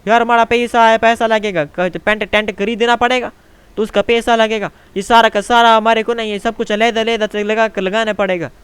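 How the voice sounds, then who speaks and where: A man's voice: high-pitched, level tone, moderate pace, a bit bright, clear, resonant tone, no room sound, pitched above the performer's own voice. A man voicing a quarrelsome male Pathan tent builder in a game role-play, arguing in Pashto-accented Urdu with broken grammar. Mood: grumbling. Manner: argumentative, grumbling, broken grammar, keeps saying "maada".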